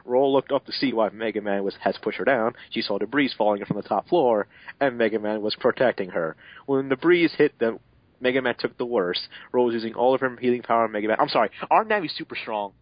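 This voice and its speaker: Reading fanfiction aloud with amateur drama, a young commentator stumbles on the text and interjects sarcastic asides. He talks quickly at a medium pitch, in a dry, dull, somewhat muffled home recording.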